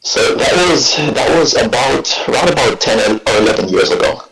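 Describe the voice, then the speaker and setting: A man in his forties from Jamaica, speaking with a Jamaican accent, telling his story as a guest poet in a reflective, halting way. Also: medium pitch, sing-song, vocal fry, a bit bright, faint music behind. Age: 40s. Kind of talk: relaxed interview talk. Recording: echoey room.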